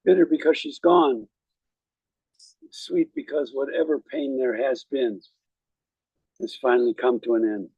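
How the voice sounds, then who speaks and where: A man speaking as a rabbi at a graveside, giving a eulogy in a measured, reflective way with deliberate pauses. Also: medium pitch, a little mellow, breathy edge, dry recording, muffled recording. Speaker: rabbi officiating at a funeral.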